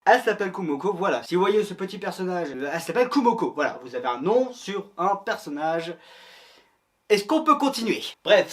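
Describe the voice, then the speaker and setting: Guy with a pretty high voice doing a jokey, crude anime review, teasing himself a lot. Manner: jokey, crude, self-mocking banter. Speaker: host, anime and manga reviewer. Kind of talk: comedic casual review.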